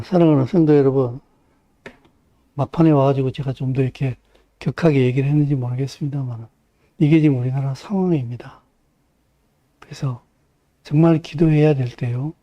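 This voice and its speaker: Male preacher, high mellow voice, delivers a heated, emphatic sermon in church. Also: dull audio. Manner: impassioned, emphatic, rising to fervent peaks. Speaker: pastor.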